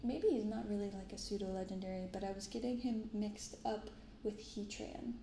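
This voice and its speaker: On this binaural recording, a young adult woman runs her card-opening channel in gentle ASMR mode, slowly commenting and reading cards in a hush. There's vocal fry in her mid-range voice, reverb around it, and background noise.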